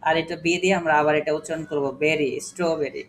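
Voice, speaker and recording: A man's voice: fairly high pitch, steady tone, a little fast, noisy background. A man teaching an English class, patiently spelling words letter by letter and quizzing his students. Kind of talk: classroom lesson.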